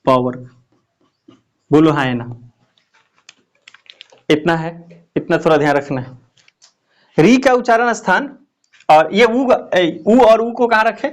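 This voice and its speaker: A man's voice: high voice, takes it slowly, long pauses. A male teacher giving a classroom lesson, often asking questions and repeating the answers.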